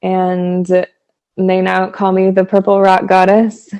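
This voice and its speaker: A woman's voice: mid-range voice, completely flat delivery, slow, warm tone, rough recording. A woman from Texas, a musician guest in a casual interview over a video call, enthusiastic and laughing often. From Texas, USA.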